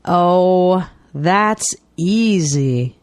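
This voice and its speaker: Slow, lively-voiced woman reading dialogues. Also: on the low side, dry recording. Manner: clear, deliberate enunciation. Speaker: dialogue reader for English learners.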